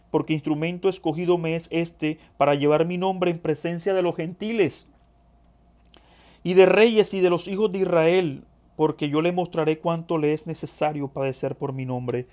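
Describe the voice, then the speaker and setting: A man preaching a sermon, reading scripture passages aloud and then dropping to quieter asides to the congregation. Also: fairly high pitch.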